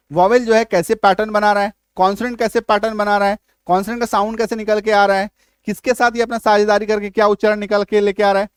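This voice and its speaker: High-voiced man teaching English spelling. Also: clean tone, no echo, clean studio sound. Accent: Hindi. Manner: explains patiently, repeats points and checks understanding. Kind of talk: spelling lesson.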